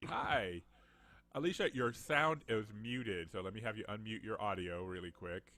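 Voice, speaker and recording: A man hosting a casual video-call chat, animated and jokey, slipping into mock voices. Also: fairly low pitch, normal speed. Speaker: podcast host.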